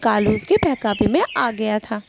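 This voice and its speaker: A woman narrating a cartoon story in a plain, steady storytelling voice. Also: medium pitch, normal speed, creaky, a little hiss or hum.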